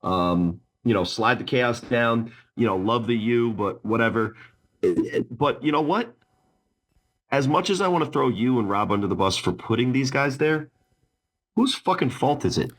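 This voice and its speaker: A man's voice: mid-range voice, animated, normal speed, fairly bright tone. A man co-hosting a casual sports podcast, arguing bluntly and swearing, often restarting with repeated words. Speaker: podcast co-host.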